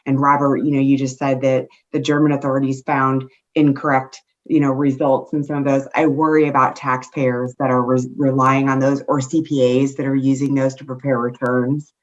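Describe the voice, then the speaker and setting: A woman speaking as a conference panelist in a thoughtful, halting way with fillers and restarts. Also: extremely low pitch, flat delivery. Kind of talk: panel discussion. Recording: muffled lo-fi audio.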